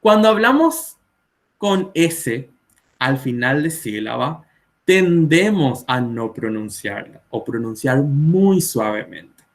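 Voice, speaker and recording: A man's voice: medium pitch, big pitch swings, slow pace. A man in his twenties with a Paraguayan Spanish accent, a Spanish teacher patiently explaining pronunciation with spoken examples on a live video stream. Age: 20s.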